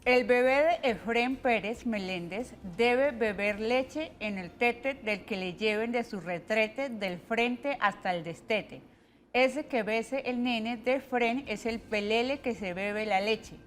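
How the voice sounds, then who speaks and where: A woman co-hosting a morning TV show, reading tongue twisters slowly and carefully and laughing between them. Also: on the high side. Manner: careful slow reading, giggly banter. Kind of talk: casual studio chat. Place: TV studio.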